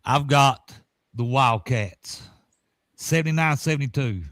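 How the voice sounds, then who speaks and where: A man's voice: mid-range voice, a little slow, a bit bright, no echo, clean studio sound. A man hosting a casual sports podcast, talking in a folksy, rambling way with lots of fillers. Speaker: podcast host.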